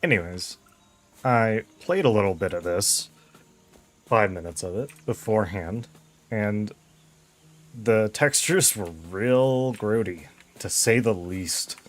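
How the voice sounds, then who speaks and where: A man's voice: lowish voice, slow, long pauses. A man giving casual game commentary, easygoing and thinking aloud as he plays. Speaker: game streamer.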